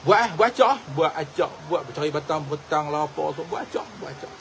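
A middle-aged man tells an old story, circling back over the same phrases and turning often to speak straight to his listeners. His voice sits a little high, and a faint hiss runs underneath it. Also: fast, low-quality recording. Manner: repetitive, animated storyteller addressing listeners as tuan-tuan. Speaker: religious teacher and traditional healer. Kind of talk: casual storytelling to viewers.

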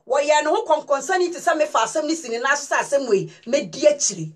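A woman's voice: high-pitched, animated, brisk. A woman from Ghana giving casual, emphatic news commentary and speaking directly to her viewers as a vlogger.

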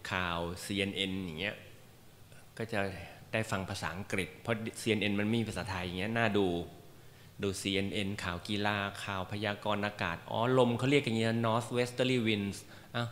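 A meditation teacher with a somewhat low voice gives a class an informal, chatty lecture full of jokes and fillers. The long reverb of a hall surrounds him over a faint hiss, and he speaks fairly quickly with fairly even intonation and a fairly bright tone.

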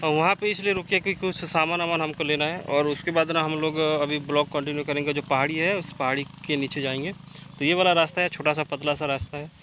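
A young man with a high, light voice gives running commentary while riding a motorbike down country roads. He talks casually and keeps checking in with his viewers, calling them brother. Steady road and engine noise fills the outdoor recording. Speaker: motorbike travel vlogger.

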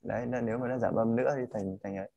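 Male pronunciation teacher, Vietnamese accent, mid-pitched, patiently models each word over and over. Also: fairly even intonation, rapid-fire, creaky, warm tone, dull audio. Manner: corrects sounds by modelling words over and over. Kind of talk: one-on-one English pronunciation lesson.

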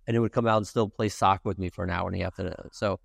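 He talks at a racing pace in a deep voice with vocal fry and fairly even intonation: a Ukrainian man in his forties, native in Russian, earnestly answering questions as a podcast guest. This casual interview happens in a bright office with a lounge set. Sound is studio quality, with no echo.

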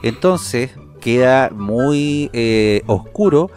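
A man's voice: medium pitch, animated, extremely slow, a little mellow, faint music behind. Chilean man joking through the news. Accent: Chilean Spanish. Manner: reads news items, then jokes in slang. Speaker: podcast co-host. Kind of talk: casual comedic chat.

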